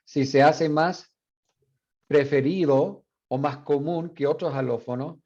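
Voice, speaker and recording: A university teacher explaining sound changes in a bilingual classroom lecture, mixing in English asides with frequent fillers. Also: male voice, fairly high pitch, unhurried, a little mellow, highs cut off. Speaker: university Spanish phonetics teacher.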